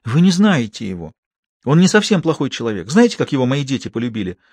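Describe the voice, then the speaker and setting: A man reading an audiobook and voicing a tearful young woman nurse who begs softly and insistently. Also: mid-range voice, sing-song, fast, slightly rough, no room sound. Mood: pleading. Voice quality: soft, pleading. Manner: begging and insistent. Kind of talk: audiobook character voice.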